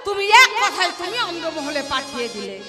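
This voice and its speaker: A woman voicing a sharp-tongued young widow who fires needling, suspicious questions. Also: high-pitched, sing-song, fairly quick, loud music behind the voice, over a noisy crowd. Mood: accusing.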